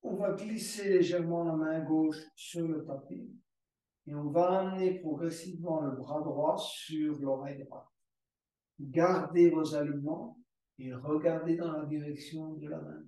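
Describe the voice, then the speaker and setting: A man teaching a yoga class, calling out poses and breath cues in slow, drawn-out repetitions. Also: on the high side, fairly even intonation, mellow. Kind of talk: guided yoga class instruction. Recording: very echoey room, voice from far off the mic.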